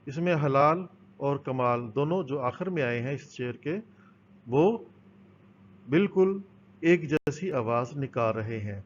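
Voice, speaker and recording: A man's voice: mid-range voice, animated. A man teaching a recorded school lesson, explaining patiently and answering his own questions. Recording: dull, lo-fi with faint noise.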